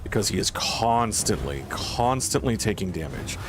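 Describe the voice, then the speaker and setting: Male gamer, live commentary, frustrated and sweary, very animated delivery with big pitch swings, music underneath. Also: normal speed. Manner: exasperated, profane venting, repeats phrases for emphasis. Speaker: gamer, streamer playing a healer.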